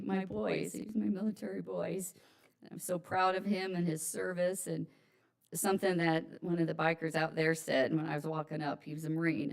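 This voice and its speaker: A woman's voice: sits low, vocal fry, a little mellow. A middle-aged woman giving a chatty, rambling memorial speech full of ums and personal stories. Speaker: eulogy speaker, friend's mother. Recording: echoey hall, mic far off.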